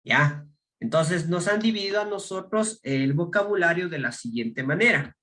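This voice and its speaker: A man whose voice is fairly high, sharp-toned, and lively in intonation teaches English online with an Ecuadorian Spanish accent. Speaking slowly, he pronounces every English word for the class and then explains it in Spanish.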